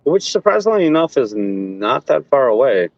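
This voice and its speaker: A man's voice: mid-range voice, big pitch swings, normal speed, vocal fry, a little mellow. A man from Illinois chatting casually and profanely while driving through the city, his voice coming through tinny and metallic. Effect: tinny, metallic-sounding audio. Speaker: streamer driving. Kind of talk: casual live-stream chat. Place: inside a vehicle on city roads. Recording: dull, tinny stream audio.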